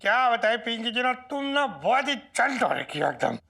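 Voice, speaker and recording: A man's voice: very high-pitched, big pitch swings, moderate pace, vocal fry, bright, forceful tone. A man in a comedy serial who chatters in a flustered way, repeating his words. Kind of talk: comic sitcom acting.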